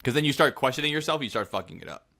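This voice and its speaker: A man's voice: medium pitch, expressive, racing, sharp tone. A young man co-hosting a podcast, telling stories animatedly and jokingly mimicking voices. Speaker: podcast co-host. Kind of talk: casual chat.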